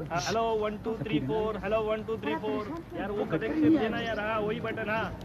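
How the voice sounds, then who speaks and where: An actor playing a male sound technician doing a mic check over a PA loudspeaker at an outdoor function, counting repeatedly with impatient asides. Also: high-pitched, normal speed, a loud crowd. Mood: testing.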